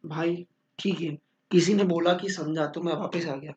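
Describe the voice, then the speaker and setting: A man's voice: a little high, fairly even intonation, normal speed, a little mellow, highs cut off, slight background noise. A man teaching accounting in a joking, bantering lecture, answering his own questions.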